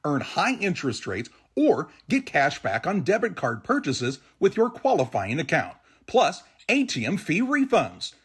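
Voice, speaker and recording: Very husky man reading a commercial. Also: fairly high pitch, wildly swooping pitch, a little slow, hardly any pauses, fairly bright tone. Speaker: advertising voice. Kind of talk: scripted commercial read.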